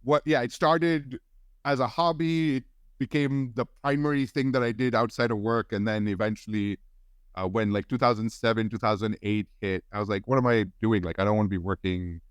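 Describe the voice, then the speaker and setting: A man in his forties from India, a guest on a podcast, telling his story in a relaxed, rambling way with many restarts. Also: lowish voice, brisk, smooth, no echo, studio quality. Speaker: guest film editor. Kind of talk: casual podcast interview.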